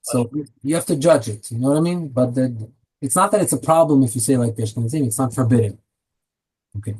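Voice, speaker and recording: A man with an Israeli accent teaching a casual weekly Torah class, lively and joking with his students. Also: medium pitch, fast talker, breathy edge, low-quality recording.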